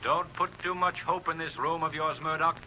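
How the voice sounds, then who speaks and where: An actor playing a sinister, unflappable invisible vigilante in a 1930s radio drama, with theatrical, ominous delivery. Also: male voice, a little high, fairly even intonation, normal speed, sharp tone. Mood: grim. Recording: muffled, noisy 1930s radio recording.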